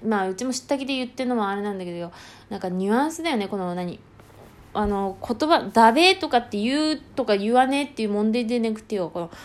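A woman, hosting a casual solo talk show in rough, blunt, colloquial speech. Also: fairly high pitch. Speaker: podcast host.

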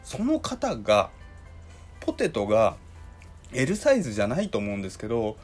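A young man with a Kansai accent, chatting casually in a solo podcast. His voice is hoarse and dry, and his pitch jumps up and down as he tells the story with lots of fillers. Soft music plays faintly behind him. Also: wildly swooping pitch, normal speed. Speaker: podcast host.

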